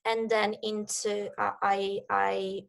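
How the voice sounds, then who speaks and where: A woman's voice: mid-range voice, level tone, takes it slowly, gravelly, smooth. A woman in her thirties from Poland, speaking with a Polish accent, answering interview questions eagerly over a video call. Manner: enthusiastic, eager. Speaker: guest, networking coach.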